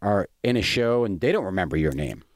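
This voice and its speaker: A man's voice: on the low side, animated, brisk, dry recording, studio quality. A man, a stand-up comedian, telling stories in a casual chat, rambling and hesitant with lots of fillers and restarts.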